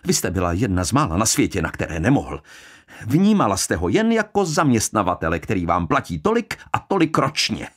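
Using a lowish voice with wildly swooping pitch, a man portrays a cold, scornful daughter. The bitter young woman comes across sharp, piercing and contemptuous.

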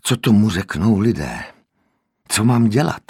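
A man's voice: fairly low pitch, big pitch swings, darkish tone, husky, dry recording, clean studio sound, heavily acted. A man playing a horrified father who bursts out in agitated exclamations. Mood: despairing. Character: horrified, angry young father.

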